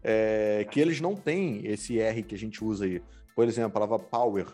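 A man's voice: fairly low pitch, normal speed, faint music behind. A man with a Carioca accent from Rio, chatting casually and telling stories with slang. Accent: Carioca Brazilian Portuguese. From Rio de Janeiro, Brazil. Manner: animated, slangy storytelling. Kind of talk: casual chat.

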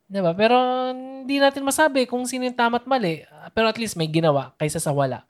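A woman's voice: fairly high pitch, animated, fast talker. A woman in casual conversation, chatty and thinking aloud, mixing English into her sentences. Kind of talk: casual chat.

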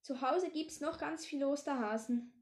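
A cheerful, greedy schoolboy who lives for chocolate, read out by a woman. The voice sits high and light and is read plainly rather than acted. It echoes around a bare room. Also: moderate pace, darkish tone. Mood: cheeky.

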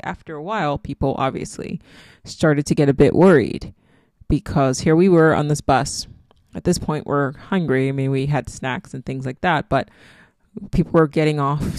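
Alone on her podcast, a Nigerian-accented host talks in a casual, meandering monologue full of reflective musings. Her low voice is a little mellow, and the studio-quality recording has no echo.

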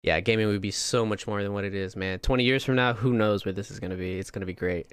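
Laid-back low-voiced young man, dry sound. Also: steady tone, fast, clear, resonant tone, dry recording. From Indiana, USA. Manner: laid-back, slangy ("that's dope", "man"). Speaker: interview host. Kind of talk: casual interview conversation.

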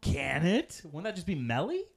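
Animated man swearing at a movie. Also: a little high, normal speed, gravelly. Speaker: podcast co-host. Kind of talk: casual chat while watching a movie.

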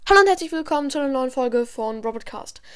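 Woman host rambling a bit before telling a story, high voice, casual. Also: expressive, quick pace, faint music behind. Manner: hesitant, chatty. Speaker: podcast host and narrator.

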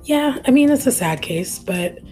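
On a casual true-crime podcast, a female co-host speaks at normal speed in a high-pitched, animated voice that is hoarse and fading. She's earnest and chatty with easy laughter, heard over music in a rough recording.

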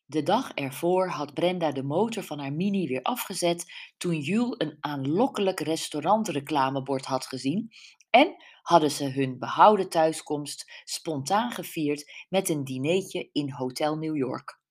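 A woman narrating a mystery audiobook in a calm, measured way. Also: deep voice, husky. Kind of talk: scripted narration.

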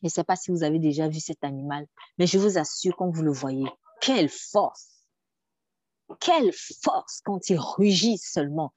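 A woman's voice: deep voice, expressive, moderate pace, darkish tone, dry recording. A woman preaching a sermon, emphatic, with rhetorical questions and repetition, sometimes dropping to a near whisper.

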